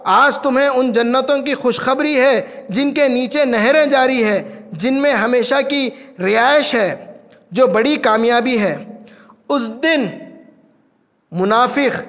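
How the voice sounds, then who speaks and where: A man preaching a Friday sermon with dramatic swings, climbing to near-shouts and then dropping low on exclamations. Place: mosque. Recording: long hall reverb.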